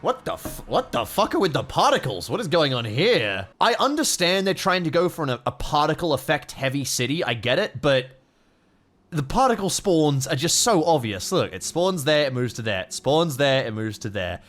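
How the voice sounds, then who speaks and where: Lively, higher-voiced man commentating on games. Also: normal speed. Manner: sweary, opinionated rambling. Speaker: video game streamer. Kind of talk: casual gameplay commentary.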